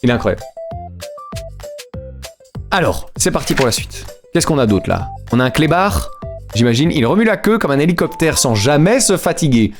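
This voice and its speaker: A playful man chats casually on a stream, joking as he tries out voices. His somewhat high voice rises and falls in a lively way. Music plays clearly behind him. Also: moderate pace, long pauses. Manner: playful, laughing, tries silly accents. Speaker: streamer doing voice impressions.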